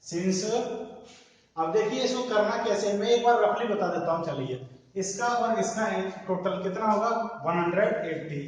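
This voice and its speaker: A man with a high-sitting voice teaches a maths lesson at a moderate pace, frequently posing questions to the class and answering them himself. He sounds distant from the mic in an echoey room.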